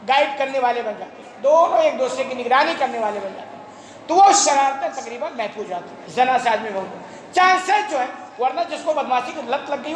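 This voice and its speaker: A man's voice: very high-pitched, fairly bright tone, echoey room, slight background noise. A man preaching a Friday sermon as imam, emphatic, with rhetorical questions and a voice that rises sharply on key points.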